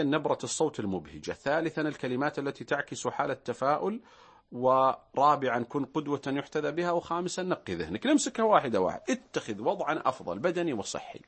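A man's voice: fairly high pitch, fairly bright tone, breathy edge. A man, a guest expert on a talk show, who lists his points and acts out little example voices. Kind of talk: studio talk show discussion.

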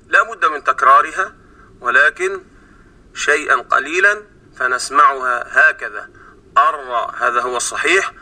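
An Egyptian man teaches Quran pronunciation on the radio in a somewhat high, very bright voice. He draws sounds out slowly to show how they should be said. He comes through a broadcast recording from a little way off the mic. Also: far from the mic. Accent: Egyptian Arabic. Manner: slow drawn-out sounds to demonstrate. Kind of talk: explaining pronunciation on a radio program.

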